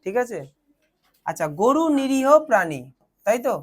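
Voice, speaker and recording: A woman's voice: a little high, expressive, moderate pace, darkish tone. A young woman teaches children translation, patiently asking questions and answering them herself. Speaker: tutor.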